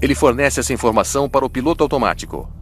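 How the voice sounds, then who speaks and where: A man's voice: mid-range voice, rapid-fire, slight background noise. A man with a Brazilian accent giving dramatic scripted documentary narration as a voice-over. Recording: studio voice-over with music bed. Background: music.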